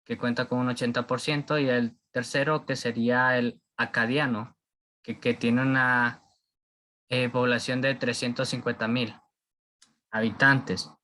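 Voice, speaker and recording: A man giving an informal class presentation, often pausing and searching for words mid-sentence. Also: medium pitch, little pitch movement, bright, forceful tone, slight background noise. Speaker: presenter explaining a topic.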